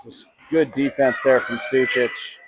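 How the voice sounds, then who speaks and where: A man calling live play-by-play for a youth hockey game, chatty and easygoing, getting louder on big plays. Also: medium pitch, a little slow, slightly rough. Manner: chatty, laughs often, rises in excitement on big plays.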